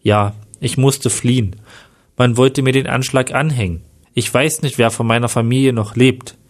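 A man's voice: medium pitch, fairly even intonation, moderate pace, natural voice. Man reading a weary ex-detective. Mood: subdued.

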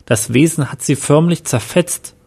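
A man's voice: on the high side, a little slow, vocal fry, darkish tone, husky, full character voice. A man voicing a shaken male police inspector recounting events earnestly.

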